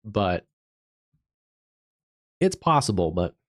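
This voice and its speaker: A man hosting a live severe weather stream as a meteorologist, stuffed up from allergies, talking through the radar in an easygoing, halting way with many fillers. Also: on the low side, very animated, dry recording, studio quality. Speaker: digital meteorologist, livestream host.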